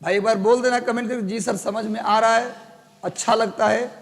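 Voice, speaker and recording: A man's voice: very high-pitched, steady tone, normal speed, big-room sound. A man teaching a live class, dictating and joking with students, his voice strained by a sore throat, with a Bihari Hindi accent.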